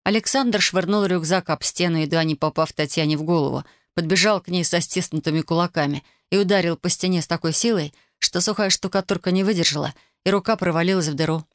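Audiobook narrator, scripted novel reading, steady and dramatic, dry close sound. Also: mid-range voice, fast, few pauses, no echo.

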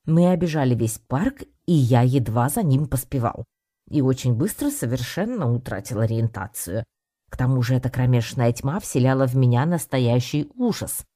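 A man narrating an audiobook with lively first-person storytelling in the voice of a cat. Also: mid-range voice, moderate pace. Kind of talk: scripted narration.

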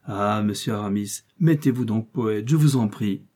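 A man reading aloud and voicing an excitable, admiring male servant with a high, eager tone. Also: moderate pace, close to an everyday voice.

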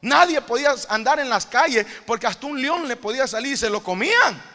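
A male preacher tells a parable in a lively sermon, voicing its characters as he goes. His voice sits very high and sounds bright and forceful. The sound carries a long church-hall reverb with faint music underneath. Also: brisk. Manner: animated storytelling, acting out the parable's characters; addresses the congregation as "hermano".

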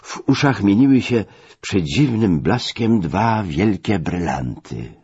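A man narrating a memoir audiobook in a measured, wry storytelling manner. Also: fairly low pitch, very animated, a little mellow, breathy edge. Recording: dull lo-fi recording.

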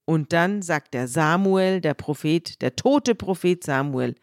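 A woman's voice: fairly low pitch, lively intonation, a little slow, no echo, clean studio sound. A woman co-hosting a podcast who retells a Bible story in casual chat, quoting the characters as she goes. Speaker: podcast co-host.

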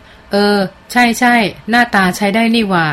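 A woman's voice: on the high side, normal speed, fairly bright tone, natural voice. A woman reading aloud and voicing a sly young man who teases his friend in crude casual slang. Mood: sly teasing.

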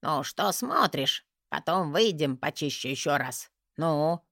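Grumbling theatrical mage, low creaky voice, lively swoops, as a woman narrator puts him on. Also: takes it slowly, no echo, studio quality, exaggerated voice. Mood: impatient. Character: fussy theatrical male mage, whiny.

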